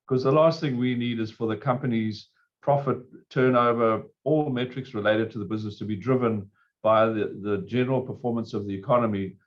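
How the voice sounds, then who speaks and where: A hoarse man, a fund manager, answering interview questions in a measured, explanatory way. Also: mid-range voice, fairly even intonation, lo-fi sound.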